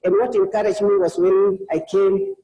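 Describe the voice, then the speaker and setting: A woman's voice: mid-range voice, steady tone, moderate pace, mellow, reverberant, highs cut off. A woman from Sudan, preaching a sermon as a guest in a church, earnest and personal. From South Sudan. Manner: earnest, personal testimony with frequent restarts.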